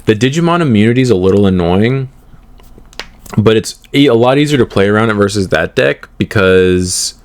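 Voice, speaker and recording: A deep-voiced man hosting a gaming podcast, talking through his matches in an easygoing, unhurried way. He pauses often with "um" and "uh" as he explains game rules. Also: expressive. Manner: laid-back, hesitant, frequent "um" and "uh". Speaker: podcast host. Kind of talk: casual chat recapping card tournaments.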